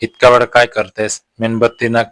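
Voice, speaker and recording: A man's voice: medium pitch, completely flat delivery, normal speed, a bit bright, smooth, dry recording, close to an everyday voice. A man voicing a stern, suspicious husband who speaks in curt, demanding lines.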